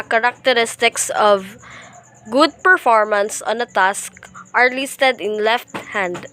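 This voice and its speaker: A young woman from the Philippines reading a class report aloud, slowly and carefully, with small slips and restarts. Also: a little high, slight background noise. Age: young adult. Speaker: student presenter.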